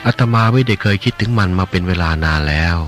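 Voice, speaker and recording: A man voicing a calm, gentle monk in an audiobook reading of a religious novel, teaching in a measured, gently admonishing way. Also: low voice, soft background music.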